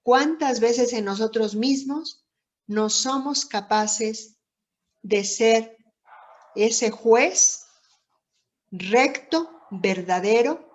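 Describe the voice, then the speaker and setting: Slow, deliberate woman teaching scripture. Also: a little high. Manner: deliberate, with many pauses and rhetorical questions. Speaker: Bible teacher. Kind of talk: slow, reflective Bible teaching. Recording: dull lo-fi recording.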